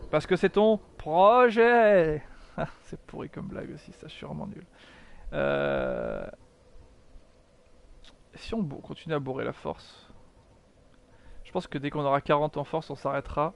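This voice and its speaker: A man's voice: a little high, huge pitch swings, measured pace, gravelly, long pauses, slight background noise. A man giving chatty live commentary while streaming a video game, mocking himself, swearing often and answering his chat.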